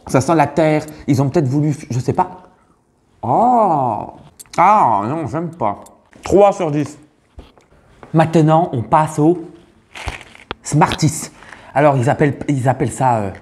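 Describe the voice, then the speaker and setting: A man playing a brash, crude female farmer with a Burgundian accent in a comic sketch. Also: on the high side. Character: brash middle-aged female farmer from the countryside. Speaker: taste-tester.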